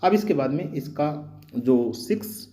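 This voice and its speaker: A male teacher hosting his own channel, explaining grammar slowly and patiently and repeating example phrases with changing stress. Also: on the high side, animated, dark tone. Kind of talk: explanatory Hindi grammar lesson.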